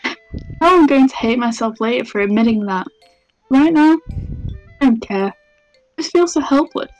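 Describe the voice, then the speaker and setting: Woman playing an anxious high-pitched schoolgirl. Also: expressive, normal speed, highs cut off, faint music behind. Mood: worried, pleading. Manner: earnest, pleading. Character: anxious, pouty teenage schoolgirl, earnest and embarrassed. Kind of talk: visual novel character dubbing.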